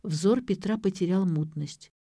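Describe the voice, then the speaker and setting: A woman narrating an audiobook in the first person, telling the story evenly and clearly. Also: on the low side, a little slow, mellow, dry recording, studio quality.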